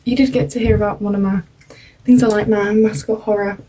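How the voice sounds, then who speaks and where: A woman's voice: medium pitch, steady tone, fairly quick, dark tone, slightly rough, rough recording. A young woman chatting casually while crafting for a vlog, rambling with lots of fillers. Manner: rambling, self-interrupting, uses "like" and "um" a lot. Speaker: craft vlogger.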